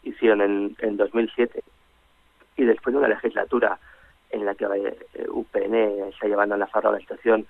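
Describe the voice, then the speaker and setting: Low flat-voiced man on a phone line. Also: brisk, vocal fry, dry recording. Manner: rambling, frequent restarts and fillers. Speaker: radio political commentator. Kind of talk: radio panel discussion.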